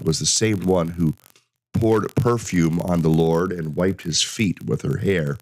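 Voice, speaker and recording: A man with a congested, stuffy-nosed voice giving informal Bible teaching in a halting, hesitant manner. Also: low-pitched, no echo.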